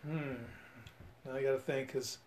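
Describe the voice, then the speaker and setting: A man's voice: medium pitch, little pitch movement, moderate pace, a little mellow, roomy sound. A man co-hosting a podcast, talking about movies with eager, profane enthusiasm and saying "dude" often. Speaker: podcast co-host. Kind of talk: casual chat.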